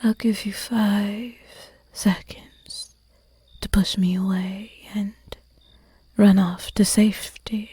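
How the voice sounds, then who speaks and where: A woman plays a predatory vampire in ASMR roleplay, teasing her prey seductively through slow, breathy whispers up close. Her mid-range voice is mellow with a flat delivery, captured in a dry recording.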